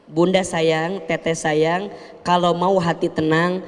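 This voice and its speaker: Male preacher, high voice, lively and jokey, in a reverberant hall. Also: takes it slowly. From Indonesia. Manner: animated, acts out little scenes with comic voices. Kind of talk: sermon.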